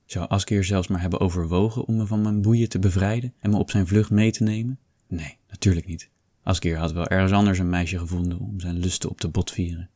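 A man reading a first-person novel aloud in a calm, steady storytelling manner. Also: low-pitched, a little fast, no room sound. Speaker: audiobook reader.

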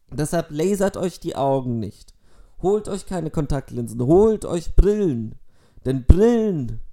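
A man's voice: mid-range voice, creaky, mellow. A man delivering a mock school presentation in an emphatic, pompous, oratorical way.

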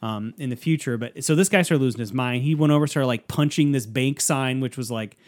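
A man's voice: mid-range voice, brisk, a little mellow. A man co-hosting a podcast, telling a long rambling story in casual chat and acting out the quotes. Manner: rambling anecdote with acted-out quotes. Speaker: podcast co-host.

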